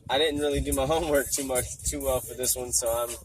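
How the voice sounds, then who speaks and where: A man with a smoker's rasp hosting a casual solo podcast in an informal, rambling, slangy way, with music behind him. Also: medium pitch, fairly even intonation, fast, rough recording. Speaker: podcast host. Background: music playing in the background.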